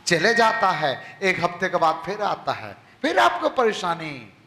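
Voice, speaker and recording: Brief: male pastor, very high bright voice, slow deliberate sermon. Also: reverberant, a little hiss or hum. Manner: animated, shouted rebukes.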